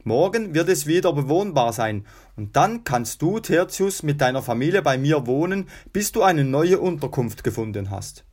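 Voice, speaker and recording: A man's voice: a little high, animated, moderate pace, darkish tone, slightly rough. A man voicing an outspoken middle-aged Roman guard tribune, speaking with raised emphasis.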